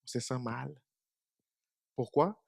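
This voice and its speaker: A Portuguese-speaking preacher gives a short church meditation to a small congregation, conversational in manner and asking them questions. His mid-range voice is slow with vocal fry, captured in studio quality with no echo.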